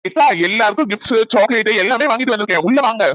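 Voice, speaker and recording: A woman's voice: fairly high pitch, racing, fairly bright tone, dry recording. A woman voicing a cheerful young man in a cartoon who has come home from abroad and reassures his mother.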